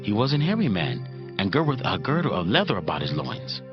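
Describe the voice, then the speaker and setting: A man's voice: fairly low pitch, wildly swooping pitch, a little fast. A man playing an earnest royal messenger in a dramatized Bible audiobook, reporting in an emphatic, declamatory way. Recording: slightly dull audio with prominent music. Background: music.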